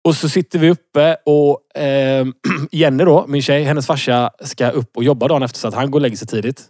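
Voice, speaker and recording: A man in his thirties co-hosts a casual podcast, rambling through an anecdote with lots of fillers and laughing at himself. His voice is medium-pitched, steady and darkish, recorded in a clean studio with no echo.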